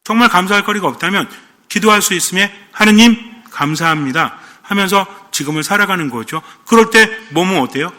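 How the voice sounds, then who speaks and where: Bright-voiced priest in a reverberant hall. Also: male voice, sits high, quick pace. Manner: asks the congregation questions, playful asides. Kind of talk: sermon.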